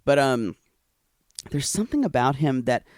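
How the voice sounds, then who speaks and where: A man co-hosting a casual podcast recap, giggly and campy, full of quick asides. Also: medium pitch, very animated, no room sound, clean studio sound. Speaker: podcast co-host.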